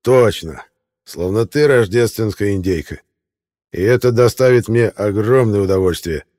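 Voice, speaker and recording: A man's voice: on the low side, normal speed, darkish tone, lightly acted. A man voicing a sneering hitman in an audiobook. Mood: mocking. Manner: gloating, then panicked pleading. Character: menacing bearded male hitman, gloating. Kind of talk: audiobook character reading.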